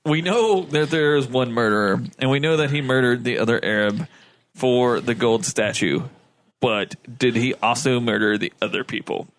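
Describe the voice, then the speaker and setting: A man's voice: moderate pace, slight background noise. A man co-hosting a casual podcast, chatting and reading game text aloud. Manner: reads the case text aloud in a high, sing-song mock voice.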